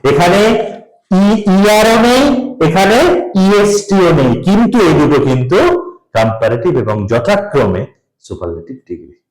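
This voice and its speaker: A man's voice: fairly high pitch, very animated, normal speed. A male teacher, quizzing his students through a grammar lesson and drilling spellings aloud. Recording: roomy echo.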